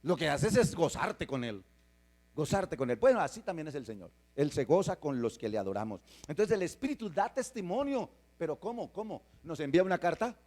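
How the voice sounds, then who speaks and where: A man's voice: on the high side, sing-song, a little fast, darkish tone. A male pastor, delivering an emphatic sermon in a church and putting rhetorical questions to the congregation. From Colombia.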